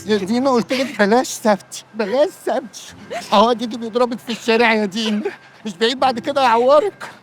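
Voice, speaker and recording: An actor playing a glib, rambling comic meddler in an Egyptian drama, talking with an Egyptian accent. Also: male voice, extremely high pitch, a little hiss or hum. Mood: mock-earnest. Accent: Egyptian Arabic. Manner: fast comic rambling, mock pleading.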